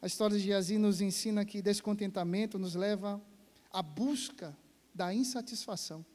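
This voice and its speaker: A man preaching a sermon as pastor, animated and rising to loud exhortation. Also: sits high, normal speed. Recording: church hall reverb.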